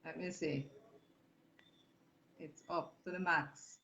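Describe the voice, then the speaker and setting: A woman guest joining a live stream call, speaking quietly and checking whether she can be heard. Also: low-pitched, fairly even intonation, slow pace, gravelly. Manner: quiet, checking her audio. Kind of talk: casual chat over a live call. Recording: muffled, far-off call audio.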